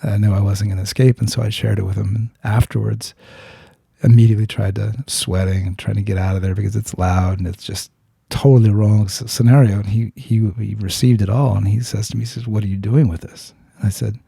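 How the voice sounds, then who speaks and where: This podcast host tells his guest a personal story in a candid, conversational way: earnest, hunting for words, frequently starting over, and cursing without hesitation. His voice is fairly low, gravelly and warm with a breathy edge, and he keeps a steady tone at a brisk pace. It's studio-quality audio with no room sound.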